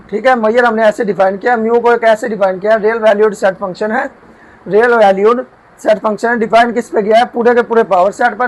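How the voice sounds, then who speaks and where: High-voiced man teaching a math lesson. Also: low-quality recording. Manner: explains step by step, repeats and asks himself questions. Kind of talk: whiteboard math lecture. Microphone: camera mic while writing.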